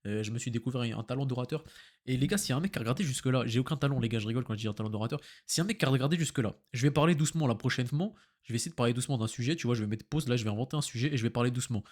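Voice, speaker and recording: A man's voice: mid-range voice, rapid-fire, darkish tone. A young man from France rambling in a casual monologue, slangy and full of fillers. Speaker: content creator.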